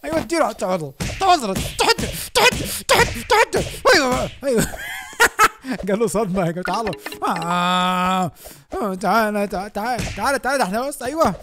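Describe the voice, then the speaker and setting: Rapid-fire excitable Egyptian gamer guy. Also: sits high, music in the background. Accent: Egyptian Arabic. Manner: excitable, shouting and laughing often. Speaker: gaming YouTuber. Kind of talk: excited gameplay commentary.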